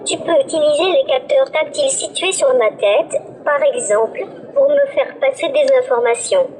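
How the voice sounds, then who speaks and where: A woman's voice: high-pitched, normal speed, a little hiss or hum, rough recording. Synthetic female-voiced Nao, a childlike robot. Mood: chipper. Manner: even, politely scripted delivery. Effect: text-to-speech robot voice. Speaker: demonstration robot presenting itself.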